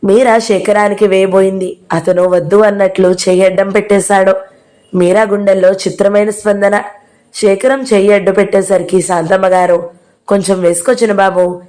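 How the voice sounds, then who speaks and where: Mellow-voiced woman reading a novel. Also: mid-range voice, flat delivery, moderate pace. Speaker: audio novel reader.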